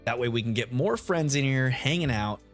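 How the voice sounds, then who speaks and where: Shiny hunting on a live stream, a man talks easily with his viewers and greets each by name. His deep, radio-like voice is expressive and a little fast, yet his manner stays laid-back, with gentle lo-fi music behind him.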